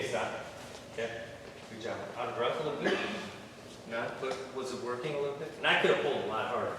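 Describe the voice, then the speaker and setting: A man's voice: fairly high pitch, a bit bright, slight background noise. A man coaching a football drill, talking in a folksy, encouraging way as he explains and demonstrates to players and coaches. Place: large indoor training hall. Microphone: far from the mic. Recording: echoey hall recorded from far off. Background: crowd of players.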